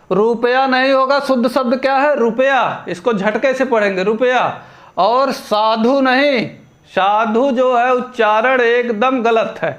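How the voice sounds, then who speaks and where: A man teaching a spelling lesson for exam prep. He asks quiz questions, answers them himself, and repeats each word deliberately. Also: extremely high pitch, a bit bright, lo-fi sound. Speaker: Hindi grammar teacher.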